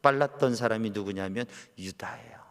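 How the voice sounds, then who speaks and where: A man preaching a sermon as pastor, swinging between loud impassioned cries and quiet low asides. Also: normal speed. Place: church sanctuary. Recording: long church-hall reverb.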